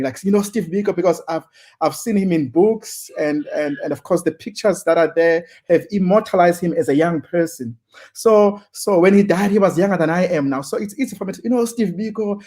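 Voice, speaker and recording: Halting male host, higher-pitched. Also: darkish tone. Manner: halting, stammering, many fillers. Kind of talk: interview conversation.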